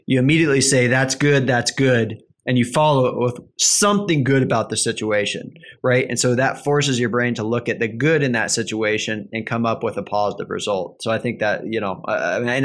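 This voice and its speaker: A man hosts a casual interview, his voice sitting at an ordinary pitch. He talks loosely and conversationally, full of small fillers, and keeps checking in with "right?" as he builds his point. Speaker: podcast host.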